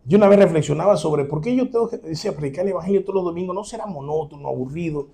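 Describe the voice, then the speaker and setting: A male pastor, preaching an animated sermon and acting out the scenes he describes. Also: a little high, rapid-fire. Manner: animated preaching, dramatic re-enactment, chuckles.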